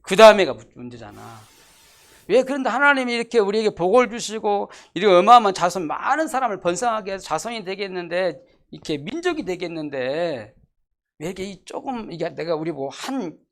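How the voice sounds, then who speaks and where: A pastor preaching a sermon, emphatic and repetitive, asking the congregation rhetorical questions and dropping from loud declarations to hushed asides. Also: medium pitch, very animated, a little fast. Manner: emphatic, repeats key phrases, asks the congregation rhetorical questions. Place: church sanctuary.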